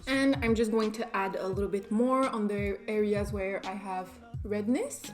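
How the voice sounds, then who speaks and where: Speaking at normal speed with fairly even intonation and a medium pitch, a young French Canadian woman talks casually through her makeup routine. The beauty vlogger has just gotten out of bed and comes across as easygoing and self-deprecating, with faint music in the background.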